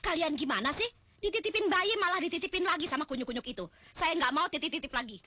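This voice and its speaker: A woman's voice: high-pitched, lively intonation, fast talker, dry recording. An actress playing a fussy aunt who scolds the men minding her baby in a film comedy. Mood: scolding. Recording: film soundtrack with loud music.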